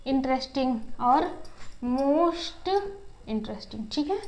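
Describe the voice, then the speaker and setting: A woman teaching an English grammar lesson in a classroom style. She asks questions and answers them herself, and she spells words out slowly, syllable by syllable. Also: high voice, darkish tone. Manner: slow, syllable-by-syllable word spelling.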